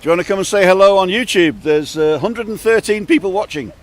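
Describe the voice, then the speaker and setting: An Englishman with a high voice and a fast way of talking hosts a live street vlog outdoors on a seafront street at dusk. Chatty and upbeat, he greets passers-by, interviews them casually for his livestream and echoes their answers back.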